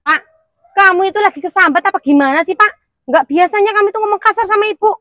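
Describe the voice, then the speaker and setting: A woman's voice: extremely high pitch, fast, bright, forceful tone, no echo, studio quality. A woman playing a fretful middle-aged wife, complaining about her bad luck in a comedy skit. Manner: fretting, complaining to herself.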